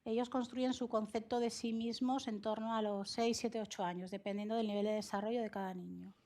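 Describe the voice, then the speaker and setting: A woman psychologist answering interview questions in a measured, explanatory way, often laughing, from Spain. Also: a little high, steady tone, dark tone. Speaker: psychologist guest.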